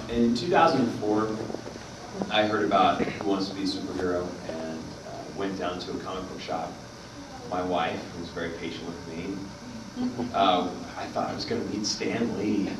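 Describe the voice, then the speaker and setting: A man's voice: low voice, fairly even intonation, normal speed. A man telling a long story at a convention panel, rambling with many fillers. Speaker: panel guest. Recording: echoey hall from far off, noisy.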